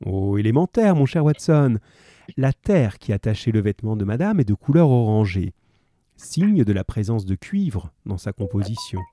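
A shrewd, kindly male detective, read aloud by a man, calmly walking a visitor through his deductions with quiet amusement. The voice is very dark and mellow, with a lively, wandering pitch, and the sound is close and dry. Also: normal speed, no echo. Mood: calm explanation. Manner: calm, reassuring, lightly amused.

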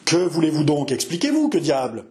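An unflappable young chevalier, voiced by a male reader answers with calm, cutting irony. His voice is lively in pitch, but he never loses his cool. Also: brisk. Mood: ironic calm.

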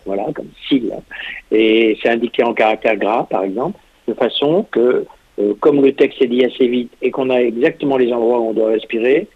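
A man's voice: mid-range voice, slightly rough. Composer man on a tinny phone line. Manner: thoughtful, halting explanations. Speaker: composer and guest. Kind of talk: radio interview on the phone.

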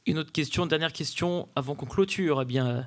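A man's voice: on the high side, fairly quick, fairly bright tone. A man hosting a podcast interview on stage, thanking guests with hesitant, filler-heavy speech. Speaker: podcast host. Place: theatre stage with live audience.

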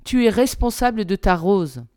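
Wise gentle fox, read by a woman, calm and teaching, smooth clear voice. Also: medium pitch, moderate pace, no echo, clean studio sound, natural voice.

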